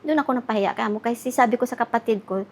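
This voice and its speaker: Soft-spoken woman in her fifties from the Philippines, giving a respectful personal testimony to a pastor. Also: a little high, rapid-fire. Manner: soft-spoken, respectfully addresses the pastor, acts out quoted dialogue. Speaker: guest sharing her testimony. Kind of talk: interview testimony.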